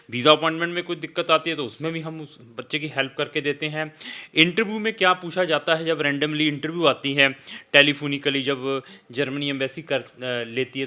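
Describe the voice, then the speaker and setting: Pushed and bright, on the high side, a man's voice delivers steady advice to students as an immigration consultant in a video. He drops in English phrases and keeps pausing with "uh".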